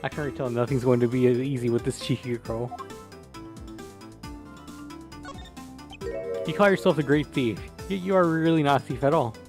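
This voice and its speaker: A man voicing an earnest, indignant gentleman detective with stiff, formal phrasing, reading a visual novel aloud. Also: medium pitch, fast, over music, close to an everyday voice. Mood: stern.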